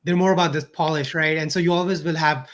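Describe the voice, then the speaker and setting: A man's voice: fairly high pitch, fairly even intonation, fast, a bit bright. A man co-hosting a casual livestream chat, offering helpful tips with hesitant uhs. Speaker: co-host.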